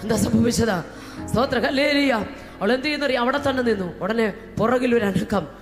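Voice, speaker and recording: Woman preacher, pentecostal sermon, shouting and hushed by turns, echoey hall, faint music behind. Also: on the high side, moderate pace. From Kerala, India. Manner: fervent, swings between shouting and hushed talk, speaks in tongues.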